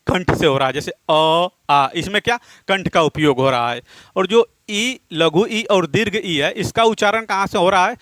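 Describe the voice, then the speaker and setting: A man's voice: lively intonation, a bit bright, no echo. A male teacher giving a grammar lesson. He asks his own questions, answers them and repeats the key points. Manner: drops low and slows down on answers, counts aloud.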